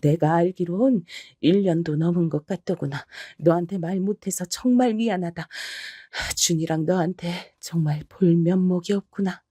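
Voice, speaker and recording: A woman voicing a remorseful elderly mother-in-law who apologizes in soft, halting sighs, in a dry recording. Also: on the low side, no echo, natural voice. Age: older.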